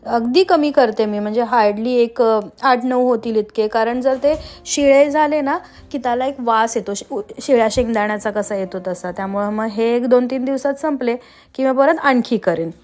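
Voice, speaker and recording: A woman in her thirties, a homemaker vlogging casually at home, chatty with frequent pauses and fillers. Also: a little high, darkish tone, soft background music. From Maharashtra, India. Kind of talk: casual vlog chat and voice-over.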